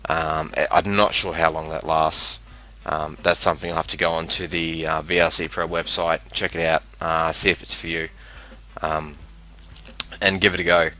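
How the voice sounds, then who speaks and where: An Australian man with a very low but forceful, bright voice talks casually over a screen capture. His delivery is halting and rambling. The sound comes from a cheap, ordinary headset microphone with a slightly crackly quality. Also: level tone. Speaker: video game presenter. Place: room with a fan running.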